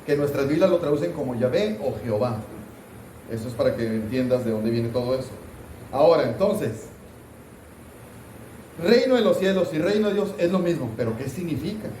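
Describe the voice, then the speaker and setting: His voice fairly high and animated, a pastor leads a Sunday school Bible class at normal speed, pausing often in a mellow, conversational way. He questions his students and throws in mock scolding asides. The distant, off-mic recording in a roomy church hall carries a little hiss or hum.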